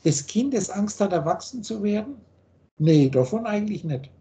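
A man's voice: high voice, expressive, moderate pace, warm tone. A man teaching in a video call, blunt and preachy, firing off rhetorical questions. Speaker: spiritual teacher.

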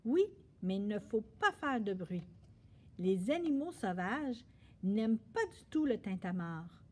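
A woman voicing a sensible, patient big sister in a storybook reading, calm and a little weary. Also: mid-range voice, a little slow. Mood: scolding.

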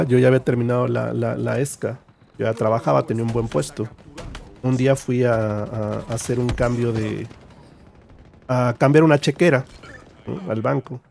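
A man's voice: medium pitch, gravelly, a little mellow, a little hiss or hum. A man with a Mexican accent narrating a storytime vlog in casual, slangy speech, swearing freely and rambling. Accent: Mexican Spanish. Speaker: vlogger.

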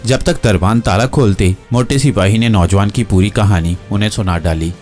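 A man narrates a crime novel with a steady storyteller's delivery, his voice sitting low. Soft music plays faintly behind him. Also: normal speed. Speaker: audiobook narrator.

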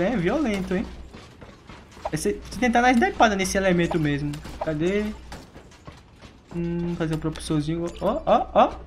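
A man's voice: high-pitched, a little hiss or hum. Teasing man commenting a shooter game. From Brazil. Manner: chatty, teasing, laughs often. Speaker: gaming YouTuber. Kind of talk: live gameplay commentary.

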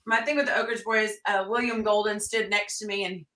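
A woman, a country singer and fiddler, telling stories as a guest in a lively interview, acting out quotes with loud bursts. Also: mid-range voice, brisk, roomy sound, distant mic, low-quality recording. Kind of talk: storytelling interview chat.

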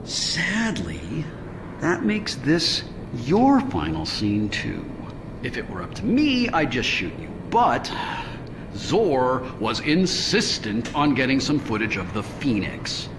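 An actor playing a vain, smug villain in a video game, monologuing with slow theatrical menace. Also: male voice, mid-range voice, big pitch swings, noisy background.

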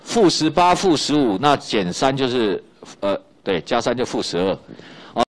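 A middle-aged man with a Taiwanese Mandarin accent teaching high school physics in a recorded lecture, chatty, tagging lines with little fillers and repeating key points. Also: big pitch swings, normal speed.

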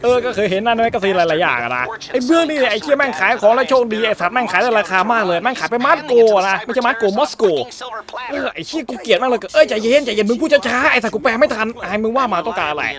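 A man with a high voice narrating his game play in a loose, joking way. He swears constantly and reads the characters' lines himself as he plays. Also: expressive, racing, a crowd in the background. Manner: crude, joking, heavy swearing; dubs game dialogue in his own voice. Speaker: gaming YouTuber. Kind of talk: let's-play commentary.

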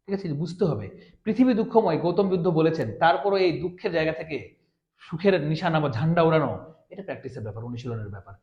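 A man with a high voice lectures like a teacher, posing questions and then answering them, often circling back to repeat a point. The sound is dull and lo-fi, and it rings in an echoey room. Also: lively intonation, quick pace. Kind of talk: classroom lecture.

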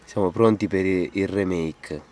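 A man's voice: deep voice, measured pace. A young man chatting casually and joking as he fishes by a river, recorded on a camera mic outdoors. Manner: joking, laughs often, drops to whispers. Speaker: fishing vlogger. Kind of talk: casual chat. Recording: loud outdoor background noise.

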